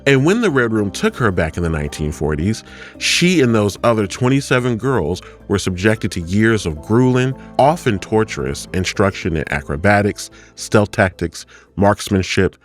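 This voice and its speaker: A man co-hosting a scripted podcast, explaining things with dry, deadpan retorts. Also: on the low side, moderate pace, faint music behind. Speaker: podcast co-host.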